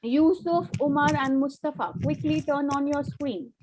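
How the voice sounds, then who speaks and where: A young woman leads a class over a video call, her voice sitting high and bright in pitch. She talks briskly, coaxing and quizzing pupils one by one. A light background hiss runs under the call. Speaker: teacher. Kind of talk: online class teaching.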